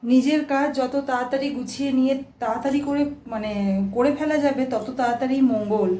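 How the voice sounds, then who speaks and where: A woman vlogging casually about her housework, talking softly while her child sleeps at home. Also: sits high, fairly even intonation, a little fast. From India. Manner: soft, hushed talk while child sleeps. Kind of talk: casual vlog chat. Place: home kitchen.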